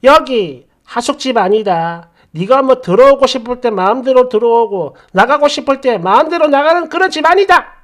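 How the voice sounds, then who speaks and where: A man doing a proud, stern middle-aged mother-in-law who talks down and scolds, her voice pitched up high and rising in sharp, clipped bursts as she lays down the law. a storybook figure read aloud, bossy and cold. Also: lively intonation, moderate pace, few pauses. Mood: scolding. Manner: scolding, haughty.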